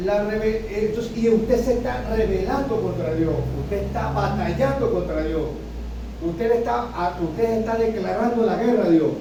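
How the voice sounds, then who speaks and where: A pastor with a high-pitched, mellow voice preaches a sermon in a church hall, recorded from far off in an echoey room with slight background noise. He repeats himself and keeps checking in with listeners by asking "¿sí?".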